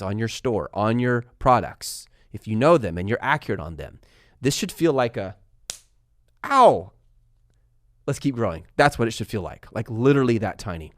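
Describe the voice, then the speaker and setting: A man from Texas and California hosting a casual live stream, talking fast and energetically while reading viewer comments aloud. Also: medium pitch, no room sound, studio quality. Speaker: livestream host answering viewer questions.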